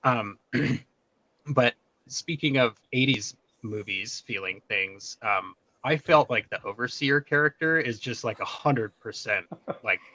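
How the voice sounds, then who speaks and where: A man hosting a casual rewatch podcast, chatty and quick to laugh as he steers the talk. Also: medium pitch, sharp tone. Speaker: podcast host.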